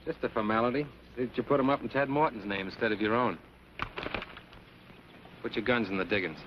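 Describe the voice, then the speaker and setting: An actor playing a firm, steady hero in a vintage television western. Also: male voice, medium pitch, a little fast, lightly acted. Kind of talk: 1950s TV western acting. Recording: muffled, noisy vintage TV soundtrack.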